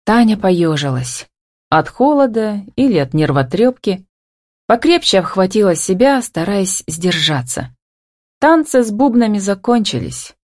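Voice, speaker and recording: A woman narrating a romance audiobook with an expressive reading. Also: mid-range voice, measured pace, dry recording, clean studio sound.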